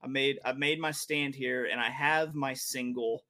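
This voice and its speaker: This man hosts a horse racing podcast and works as a handicapper, casually chatting and joking about betting on races. His voice sits at a medium pitch with fairly even intonation, unhurried yet pushed and bright. He uses plenty of fillers and restarts.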